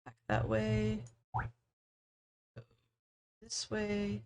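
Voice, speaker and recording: A woman's voice: medium pitch, lively intonation, extremely slow, darkish tone. A woman casually talking to herself as she works through a puzzle game on a live stream, with dry sarcastic asides.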